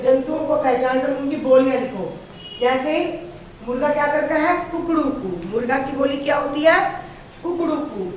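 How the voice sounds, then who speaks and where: A woman teacher giving a slow, patient grammar lesson to young children, asking them questions as she explains. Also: high-pitched, a little hiss or hum. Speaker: school teacher. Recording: echoey, distant, dull lo-fi sound.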